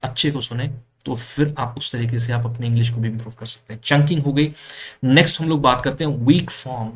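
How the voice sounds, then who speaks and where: A man whose first language is Punjabi, teaching an English exam class and slowly repeating example words for his students. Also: medium pitch. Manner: explains step by step, repeats words slowly for practice, mixes English into Hindi. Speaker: IELTS teacher. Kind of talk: online English lesson in Hindi.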